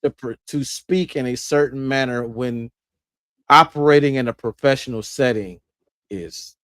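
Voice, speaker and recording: A man's voice: mid-range voice, normal speed, a bit bright, no room sound, studio quality. A man from California with a Californian West Coast accent, questioning and interjecting in a casual debate. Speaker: panel discussion participant.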